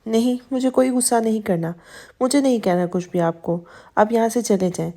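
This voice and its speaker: A woman's voice: on the high side, dark tone. A woman voicing a hurt young wife who speaks in a pleading, broken way with trailing phrases. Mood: tearful refusal.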